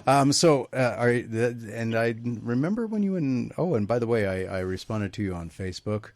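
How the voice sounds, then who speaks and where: A man hosting an interview, jokey and halting, laughing often. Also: mid-range voice, sing-song, a little mellow, dry recording. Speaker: podcast host. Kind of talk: casual interview chat.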